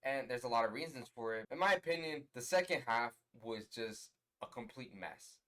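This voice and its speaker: A young man in his twenties gives a casual album review from his bedroom. He talks bluntly and sounds exasperated, jumping to loud emphatic bursts. His voice sits at an ordinary middle pitch for a man. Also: lively intonation, moderate pace. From US West Coast. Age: 20s. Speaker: music reviewer.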